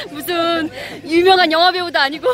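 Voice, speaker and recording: Outdoors at a wedding in Kenya, a woman gives casual, chatty voice-over commentary, laughing often while music plays behind her. Her voice is very high-pitched and a bit bright.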